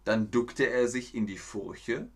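A man with a medium-pitched voice speaks slowly as he teaches German on a live stream. He reads a fairy tale aloud, explains the words, and greets viewers from the chat in an unhurried storytelling lesson.

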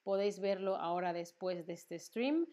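A woman's voice: lowish voice, lively intonation, normal speed, dark tone. A woman teaching grammar in a livestream lesson, patient and repeating words to drill them. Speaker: Spanish teacher.

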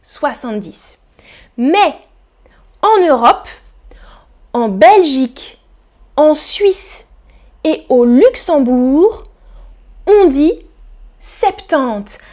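A woman teaching pronunciation in a live-stream lesson, saying words slowly and clearly, repeating drills and greeting viewers in the chat. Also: sits high, animated, darkish tone. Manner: slow, deliberate pronunciation drills with repeated examples. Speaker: French teacher.

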